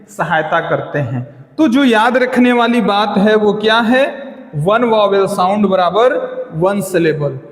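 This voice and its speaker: A man gives an exam-prep lesson in a high voice. He talks at an unhurried pace, repeating example words slowly and answering his own questions. The sound is roomy, with a long reverb tail. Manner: explains slowly, asks the class questions and answers them himself. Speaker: teacher. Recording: echoey room with long reverb.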